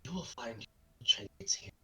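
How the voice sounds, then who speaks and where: A man running a tabletop game, whispering hoarsely while his call audio cuts out. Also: medium pitch, lively intonation, measured pace. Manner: hushed raspy whisper for a demon. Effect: online call audio cutting out. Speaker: game master.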